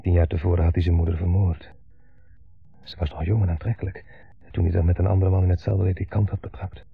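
Playing a bitter grown son who lives under his mother's thumb, an actor delivers a brooding, intense monologue quickly and flatly, in a low, gravelly, husky character voice. It comes from a 1970s radio play with dull broadcast audio.

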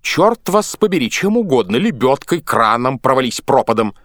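A man's voice: mid-range voice, big pitch swings, normal speed, a bit bright, dry recording, studio quality, voice pushed up. A man voicing a whimsical, brusque sea captain in a read-aloud story, curt and questioning.

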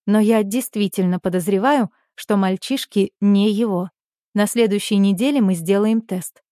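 Dry, measured woman audiobook narrator. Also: medium pitch, warm tone, no echo. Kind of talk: first-person audiobook narration.

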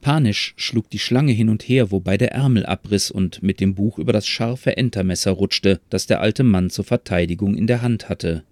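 A man narrates a story in a calm, measured way. His voice sits a little low, and the recording is close and dry, with no room around it. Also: no echo.

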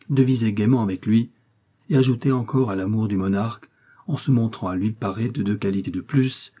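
A man reading a classic novel aloud as narration, in a steady, measured way. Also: fairly low pitch, slightly rough. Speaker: audiobook reader.

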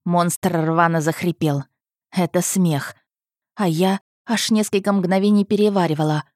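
A woman narrating a first-person fantasy audiobook in a measured, tense manner. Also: lowish voice, fairly even intonation, darkish tone, no echo, clean studio sound.

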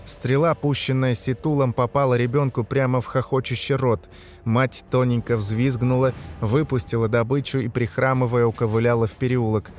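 A man reading a dark fantasy novel aloud as narrator, shouting the characters' lines in the battle scenes. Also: mid-range voice, flat delivery, moderate pace, faint music behind. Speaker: audiobook narrator. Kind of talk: scripted narration.

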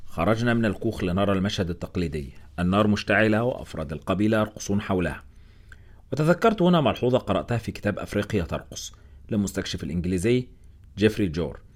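A man narrating a story in a lively, expressive reading. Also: on the low side, racing. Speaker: audiobook narrator. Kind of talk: scripted narration.

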